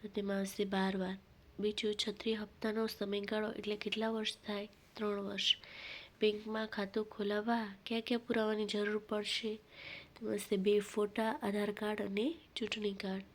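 A woman teacher with a Gujarati accent, reading worksheet questions and their answers in a steady, methodical way. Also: mid-range voice, normal speed.

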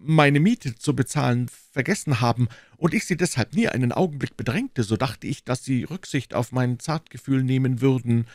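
A man voicing an anxious, fussy middle-aged landlord in an audiobook, in a high, strained, wordy and timid voice. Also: moderate pace, hardly any pauses, a little mellow, no room sound, studio quality, lightly acted. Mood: fretful. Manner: wordy, timid, eager to please. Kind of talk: audiobook reading.

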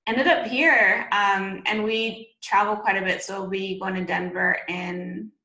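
A young woman from Canada tells her story as a podcast guest, fluent and eager. Her voice is bright and forward. The video call picks up a lot of room echo around her. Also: medium pitch, fairly even intonation, a little slow. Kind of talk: casual interview talk. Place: home room with shelves.

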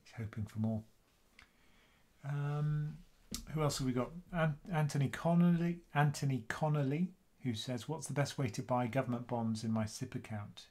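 Hosting an investing channel, a soft-spoken British man in his fifties takes viewer questions in a live Q&A from the webcam at his desk. He talks in a casual, chatty way at medium pitch, mid-range for a man, at a normal speed, recorded in a small room at home.

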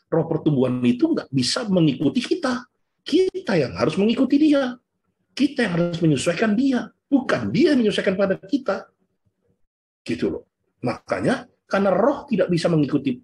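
A man giving a storytelling faith talk to a church youth group, casual and animated, mixing slang into his preaching. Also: on the high side. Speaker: guest speaker at a church youth session.

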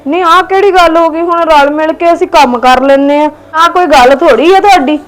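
A woman's voice: very high voice, brisk, soft background music, low-quality recording. A young woman with a Punjabi accent, playing a pushy, curt younger daughter-in-law in a family skit. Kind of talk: scripted family drama acting.

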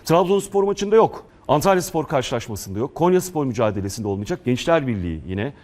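A man presents sports news in a broadcast style. His voice sits at a middling pitch as he reads through press reports and relays them to viewers. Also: big pitch swings, fast talker, darkish tone.

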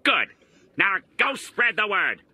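A shrill bossy cartoon guy. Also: very animated, slow, sharp tone, slightly rough, exaggerated voice. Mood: commanding.

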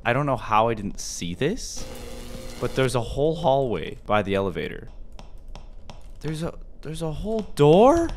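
A man's voice: medium pitch, a little hiss or hum. A young man giving scared, jumpy horror game commentary as a streamer, exclaiming and muttering to himself. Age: young adult. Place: small indoor room.

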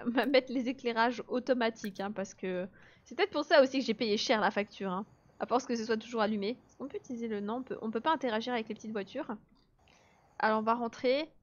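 A woman's voice: a little high, muffled recording. Chatty woman streaming a life sim. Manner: chatty, laughs often, reads and answers chat. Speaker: let's play streamer. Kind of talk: casual live gameplay commentary.

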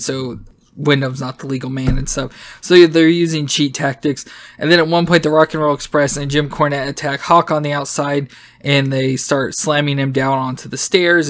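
A man's voice: fairly high pitch, a bit bright. A man hosting a podcast, recapping an old wrestling show in a rambling, casual way with many fillers and self-corrections. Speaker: podcast host.

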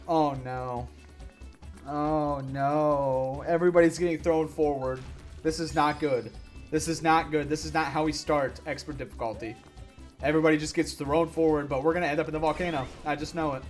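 A young man giving gameplay commentary, ranting and yelling at the game in frustration. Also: on the high side, fairly even intonation, normal speed, faint music behind. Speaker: gaming YouTuber.

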